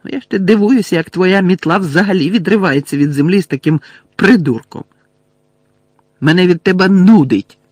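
A man voicing a furious teenage girl who shouts indignant insults at a bully. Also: high voice, moderate pace, no room sound, studio quality, voice pushed up. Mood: angry.

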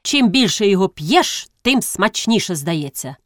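A woman voicing a loud, hard-drinking male deacon who blusters and boasts about his liquor. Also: mid-range voice, big pitch swings, no room sound, clean studio sound. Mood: blustering. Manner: blustering, boastful, slow bellowing.

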